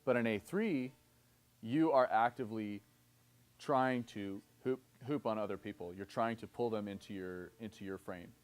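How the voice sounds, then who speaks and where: A fairly low-pitched man in his thirties speaks at a moderate pace during a live seminar lecture. The instructor moves step by step, keeps asking "okay?", and performs both parts of his example conversations.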